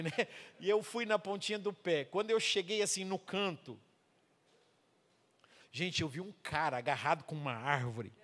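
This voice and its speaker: A male missionary preacher with a Brazilian Portuguese accent, telling a personal story in a sermon and acting out the dialogue with lively comic timing. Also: sits high. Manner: animated storytelling, acts out dialogue, laughs along. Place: church sanctuary. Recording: church hall reverb.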